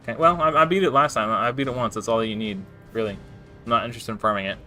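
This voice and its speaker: Soft background music plays as a streamer gives fast, offhand commentary on his gameplay, full of restarts and self-corrections. His medium-pitched voice carries a sharp tone.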